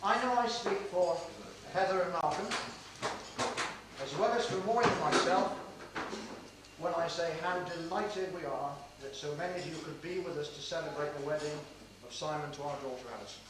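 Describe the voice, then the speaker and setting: A middle-aged man, the father of the bride, giving a measured, joking wedding toast, heard on an old VHS home video. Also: on the high side. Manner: measured, joking formal delivery. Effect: old VHS home video tape. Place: large room at a wedding reception. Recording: echoey hall, far from the camera, hiss on the tape.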